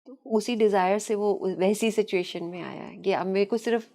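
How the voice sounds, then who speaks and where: A woman talks as a guest on a podcast interview, explaining through stories at an even pitch. She drops English phrases into her speech and laughs lightly now and then. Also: normal speed. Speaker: past-life therapist, guest.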